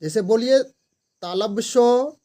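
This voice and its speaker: A man's voice: extremely high pitch, slow, dark tone. A man teaching a grammar lesson as the host of his channel, stating each definition and then restating it in simpler words.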